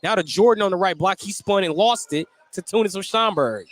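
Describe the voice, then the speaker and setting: A radio announcer calls live play-by-play basketball courtside in an indoor gym, his voice high and a little fast. Gym noise and a bouncing basketball can be heard behind him.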